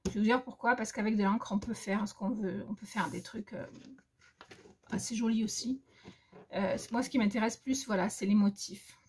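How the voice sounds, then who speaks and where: A woman's voice: mid-range voice, steady tone, normal speed, a little mellow, husky. A woman casually showing craft paper pads in a vlog, talking hesitantly with many fillers and restarts. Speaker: crafting vlogger. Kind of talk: casual haul chat. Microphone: phone.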